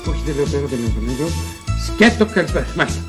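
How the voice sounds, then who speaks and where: A man's voice: a little high, very animated, soft background music. An actor playing a flustered newsreader who stumbles over his lines and repeats himself. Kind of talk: sitcom acting.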